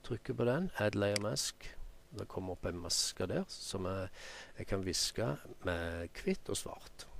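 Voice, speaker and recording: A man with a Norwegian accent giving an unhurried software tutorial, thinking aloud with many ums as he works. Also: low voice, expressive, gravelly, a little hiss or hum. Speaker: photo editing tutor. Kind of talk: screen-recorded software tutorial.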